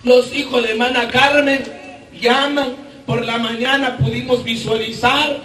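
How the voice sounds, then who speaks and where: A man from Guatemala preaching a fervent sermon, shouting often and calling out questions to the congregation. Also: extremely high pitch, level tone, a little slow. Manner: fervent, shouting and asking the crowd for replies. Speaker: evangelist preacher. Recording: echoey room from far off.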